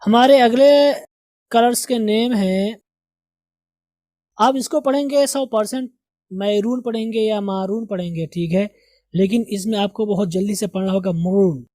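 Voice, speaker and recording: A man teaching English vocabulary, repeating each word slowly and correcting pronunciation. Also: high voice, darkish tone, dry recording. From India. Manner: slow, drills each word several times.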